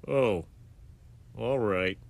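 A man's voice: lowish voice, drawn-out words, gravelly, dry recording, heavily acted. A man voicing a dim, boisterous middle-aged cartoon dad with a goofy, eager manner that turns whiny when he is let down. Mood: deflated.

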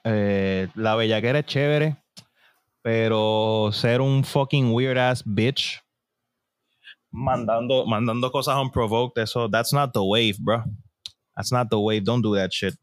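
A man's voice: mid-range voice, fairly even intonation, takes it slowly, no room sound, studio quality. A man, co-hosting a podcast in joking casual chat and switching into English slang. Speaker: podcast co-host.

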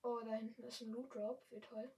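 A young woman speaking standard German, chatting casually and excitably while commentating her gameplay. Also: on the high side, a little fast, distant mic, low-quality recording. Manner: chatty, excitable, yelps and exclaims often. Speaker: gamer streamer.

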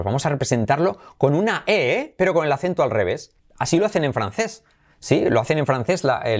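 A man with a Spanish accent from Spain, teaching English pronunciation and repeating words over and over with exaggerated sounds. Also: medium pitch. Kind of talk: pronunciation lesson.

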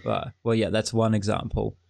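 Man, animated casual chat. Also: lowish voice, moderate pace, creaky.

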